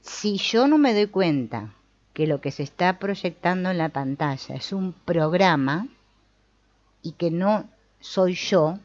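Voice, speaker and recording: A woman giving an expressive spiritual teaching talk, often checking in with her listeners. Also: lowish voice, no echo, highs cut off. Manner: expressive, asks listeners for agreement, laughs between points.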